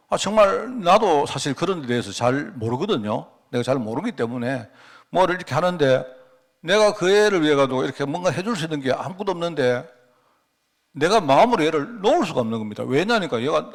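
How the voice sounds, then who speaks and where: A middle-aged pastor preaches in church, his pitch a little raised and swinging widely as he tells a story. He keeps asking the congregation rhetorical questions and restarts his sentences as he goes. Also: very animated, fairly quick. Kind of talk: sermon.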